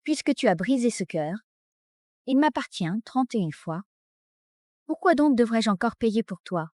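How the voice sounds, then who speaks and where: A woman's voice: a little high, animated, a little slow, darkish tone, no echo, studio quality. A woman voicing a composed, cutting young heiress in a French melodrama dub. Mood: cold. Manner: cold, cutting. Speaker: dubbing actress.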